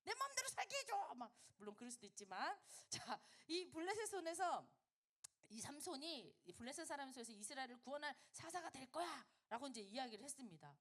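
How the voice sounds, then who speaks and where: Animated high-voiced woman preacher. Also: a little fast. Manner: animated, conversational, full of rhetorical questions. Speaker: preacher at a college ministry. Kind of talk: sermon.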